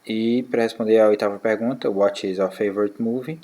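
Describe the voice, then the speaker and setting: A man teaching a beginner English lesson to schoolchildren, saying model phrases slowly and repeating them, checking in with short "tá?" tags. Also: on the low side, steady tone, dark tone. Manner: slow, drawn-out model phrases, repeated for practice; fillers like "tá?" and "né". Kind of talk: English lesson for sixth graders.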